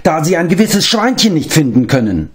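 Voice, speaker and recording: A man's voice: fairly high pitch, very animated, a little fast, voice pushed up. A man reading an audiobook, voicing a servile, self-pitying male beast-man who whines and speaks of himself in the third person. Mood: whining.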